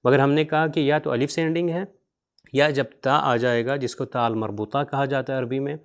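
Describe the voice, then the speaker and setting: A man teaching beginners to read, spelling out letters and vowel marks slowly, repeating each word and mixing in English terms. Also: mid-range voice, fairly even intonation. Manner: mixes English words into his teaching. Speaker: Quran reading teacher. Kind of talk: spoken lesson.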